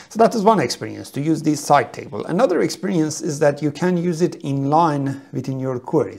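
A middle-aged man giving a methodical screen-share software tutorial from a small room, explaining step by step with frequent fillers. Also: mid-range voice, vocal fry. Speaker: software trainer.

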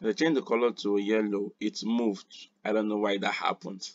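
A man hosting a screen-recorded design tutorial, unhurried and thinking aloud with quiet muttered asides. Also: fairly low pitch, dry recording, muffled recording.

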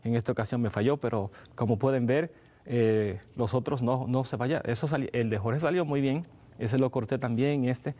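A man's voice: mid-range voice, normal speed, dark tone. A middle-aged man on a studio kitchen set explaining a recipe step by step to viewers. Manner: explanatory, addresses viewers directly. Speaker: cooking show co-host. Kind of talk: cooking demonstration.

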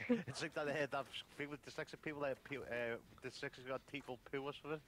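A man chatting quickly and a little haltingly while gaming with friends, dropping the odd swear word. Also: mid-range voice, fairly even intonation, fairly bright tone, a little hiss or hum. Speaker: player in a game chat. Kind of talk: casual gaming chat.

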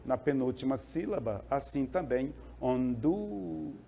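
Lively male teacher checking in often. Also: a little high, unhurried, a little hiss or hum. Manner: explanatory, checks in with "ok?" and "né?". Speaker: Spanish teacher. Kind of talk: classroom lesson.

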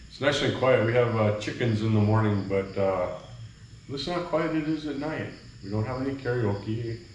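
In a small cement-walled kitchen, a middle-aged male vlogger makes coffee and rambles casually to his viewers. He has a mid-range voice at a normal speed. Crickets sound in the night behind an echoey recording with faint noise.

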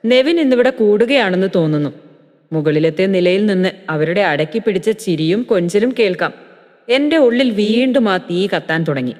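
A woman's voice: medium pitch, expressive, normal speed, darkish tone. A woman tells a first-person story in an intimate, emotional way, her voice sitting in a mid register. The sound carries a long reverb, as if she is recording in an echoey room.

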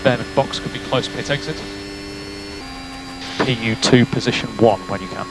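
A man's voice: mid-range voice, normal speed, background noise. A man working as a race engineer, giving clipped, matter-of-fact updates over race car radio and repeating key figures. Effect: team radio transmission.

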